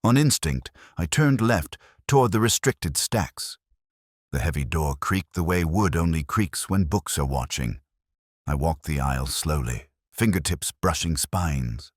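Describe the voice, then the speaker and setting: In the first person, a very low-voiced man tells a detective mystery. The delivery stays slow and brooding while the literary sentences rise and dip with plenty of life. Expect a husky, intimate, dry sound without any echo.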